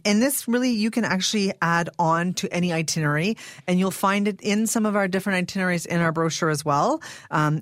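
A woman's voice: lowish voice, no echo, clean studio sound. A woman speaking as a travel company guest, informally explaining packages in a radio interview.

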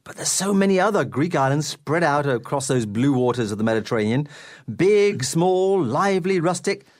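A man's voice: a little high, animated, moderate pace. A man hosting a radio travel show in an upbeat, enthusiastic way, chatting with his guest.

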